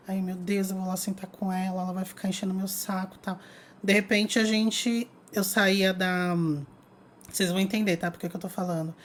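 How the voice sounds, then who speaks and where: A young adult woman chatting to her online audience, telling a personal story in a lively, casual way. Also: medium pitch. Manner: lively, chatty, addresses viewers as "gente". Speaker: spiritual content creator.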